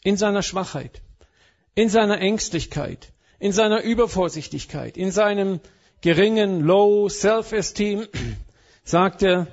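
Brief: male preacher, high voice, playful sermon delivery with English asides, slightly muffled recording. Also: measured pace, darkish tone. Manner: humorous, mixes German with English phrases.

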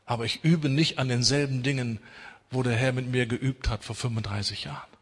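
A middle-aged man preaching a sermon, emphatic, swinging from loud urging to hushed intensity. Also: mid-range voice, fairly even intonation, fairly quick, husky. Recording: long hall reverb.

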